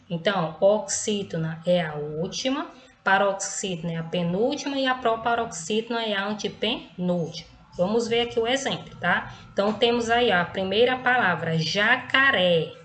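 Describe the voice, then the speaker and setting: A Brazilian woman gives a recorded lesson to young pupils at a medium pitch. She is patient and repetitive, checks in with the class after nearly every point, and slows right down to draw out syllables. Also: fairly bright tone, roomy sound. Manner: stretches key words slowly to stress syllables. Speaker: teacher.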